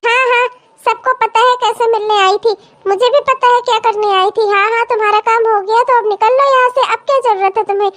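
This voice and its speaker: A woman voicing a jealous, sharp-tongued young daughter-in-law in a cartoon comedy, sarcastic and complaining with a falsely sweet edge. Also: extremely high pitch, fairly even intonation, a little fast.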